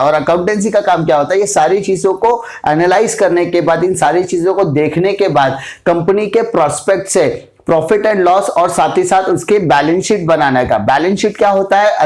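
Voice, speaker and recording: A man lectures on commerce in a high, fairly light voice. He works through the topic like a classroom teacher, asking questions aloud and answering them himself. He repeats the key terms to drive them home. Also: darkish tone. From India.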